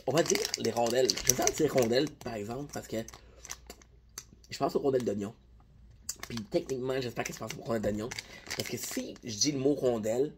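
A young male vlogger with a Québécois French accent rambles and jokes with his viewers during a candy-tasting video, speaking at a medium pitch. He records on a phone held at arm's length in a small room indoors at night, with background noise audible.

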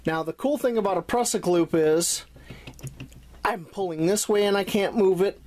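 In this hands-on knot lesson, a man teaching bushcraft explains each stage simply as he ties. He has a high-pitched, slightly mellow voice and keeps a moderate pace.

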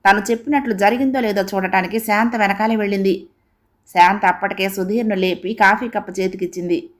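Woman, audiobook narrator, calm, even storytelling. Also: medium pitch.

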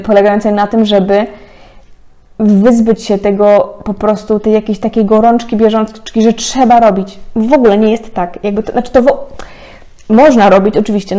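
A woman in her thirties talks through a card reading in a relaxed, chatty way, often breaking into laughter. Her voice is mellow and dark. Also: mid-range voice. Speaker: tarot card reader. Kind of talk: casual spiritual card-reading talk.

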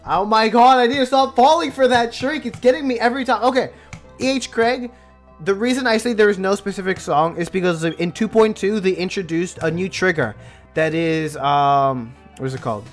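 A man live-streaming a game, chatting excitably with his viewers and mocking himself. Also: high voice, normal speed, faint music behind. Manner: excitable, self-mocking, talks to chat. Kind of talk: live gaming stream chat.

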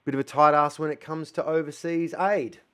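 A man's voice: on the high side, fairly even intonation, moderate pace, a bit bright. A middle-aged Australian man, a comedian, working on comedy material in a blokey, ranting way with sung bits.

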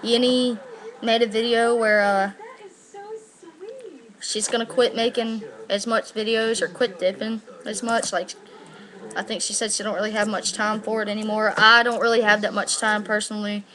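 On a laptop's built-in mic held at arm's length, an eighteen-year-old vlogger chats to camera from her living room in a casual, slangy way, rambling and swearing as she goes. Her mid-range voice keeps a level tone at a moderate pace and sounds fairly bright, but the audio quality is poor.

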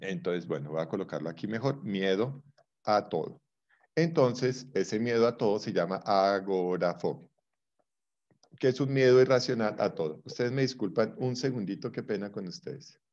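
A man's voice: lowish voice, lively intonation, normal speed, a little mellow, highs cut off. A man teaching a psychology class, explaining with playful examples and teasing his students. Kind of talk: online class lecture.

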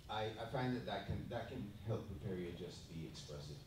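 A man's voice: on the low side, animated, fairly quick. A middle-aged man from Jamaica, talking casually and reflectively on a convention panel, speaking into a handheld mic. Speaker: convention panel guest actor. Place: large carpeted convention room, indoors. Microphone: handheld mic, far camera. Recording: echoey room, distant mic, background noise.

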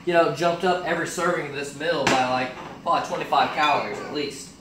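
Here a young man speaks fast in a fairly high, steady-toned voice while casually prepping meals in his home kitchen. He's a fitness cooking vlogger, talking through it aloud with lots of fillers. Sound is picked up by a far camera on a stand, echoey and noisy.

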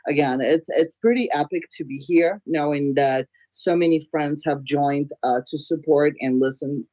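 During a casual interview, a guest artist from Belarus who grew up speaking Russian talks at a moderate pace in a deep, a little nasal voice. She giggles a lot, is expressive, and sometimes speaks loudly. The webcam recording from her home room on a video call is rough, with no echo.

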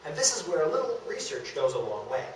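Heard from afar in an echoey meeting room of a historic house, a young man lectures from a podium on local theatre history. His slightly high voice moves fast with big pitch swings as he delivers the prepared, scripted talk, captured by a distant camera mic with background hiss.

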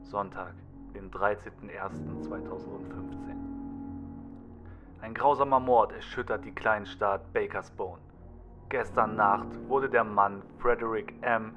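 A man's voice: fairly low pitch, fairly even intonation, unhurried, lightly acted. A man voicing a detached TV newsreader reporting in a formal manner, in a spoken horror story. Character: calm TV newsreader. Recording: soft music behind.

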